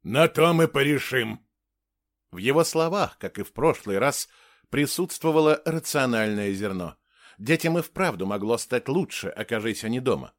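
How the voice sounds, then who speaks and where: A man reading an audiobook aloud, with measured, dramatic storytelling. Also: medium pitch, expressive. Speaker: narrator. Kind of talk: scripted audiobook narration.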